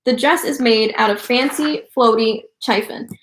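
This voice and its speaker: A woman's voice: a little high, moderate pace, slight background noise, close to an everyday voice. A woman voicing a spoiled, bragging rich little girl who talks in a boastful, bouncy way, read aloud from a storybook. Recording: roomy echo.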